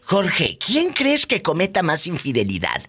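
Flamboyant, animated Mexican radio host man. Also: fairly high pitch, unhurried, slightly rough. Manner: theatrical, teasing, bursts of laughter and catchphrases. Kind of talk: flamboyant call-in radio chat.

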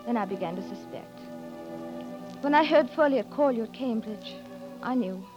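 A woman's voice: fairly high pitch, expressive, moderate pace, close to an everyday voice. An actress as a grave, resolute young woman. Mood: earnest. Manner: earnest, hushed and emotional. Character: grave young woman, a spy's daughter, torn but resolute. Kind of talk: 1940s radio drama acting. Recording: dull old radio broadcast with music behind.

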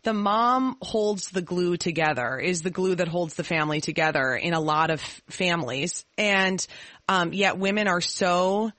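A woman's voice: lowish voice, unhurried, a bit bright, no room sound. A woman hosting a podcast in a casual, chatty and emphatic conversational style. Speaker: podcast host. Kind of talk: casual podcast chat, introducing a guest.

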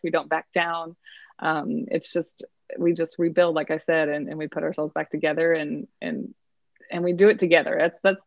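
A woman's voice: lowish voice, dry recording. Texas-accented woman, muffled dry call. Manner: warm, proud, repeats words when starting sentences. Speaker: baseball field reporter. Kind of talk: podcast interview, casual storytelling.

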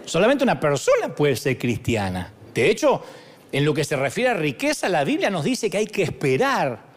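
A middle-aged pastor with a Rioplatense Spanish accent delivers a sermon. His voice sits high for a man and swoops up and down with animated, joking energy. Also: moderate pace. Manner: animated, joking preacher acting out dialogues.

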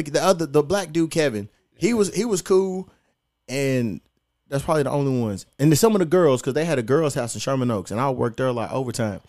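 A young man with a fairly high, darkish voice hosts a podcast. He tells stories in a relaxed, slangy way, swearing freely.

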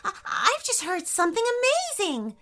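A woman voicing an excitable, chattering young female squid in a children's story, gushing and breathless. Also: extremely high pitch, takes it slowly, soft background music, pitched above the performer's own voice, exaggerated voice. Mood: excited.

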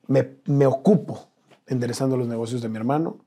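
Husky man telling his story. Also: medium pitch, fairly quick. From Mexico. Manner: earnest, slangy, drops to a hush at painful moments. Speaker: interview guest. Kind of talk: emotional personal storytelling.

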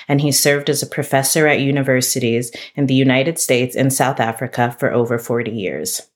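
A woman guest-hosting an arts podcast, reading a formal introduction in a measured way and asking interview questions. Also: a bass voice. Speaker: guest host, gallery director.

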